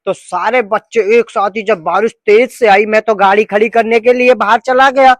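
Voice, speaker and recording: A man's voice: high-pitched, fairly even intonation, moderate pace, a bit bright, no room sound. A man chatting casually to his viewers in a family vlog, affectionate and playful with his children. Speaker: family vlogger. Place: home, indoors and rooftop.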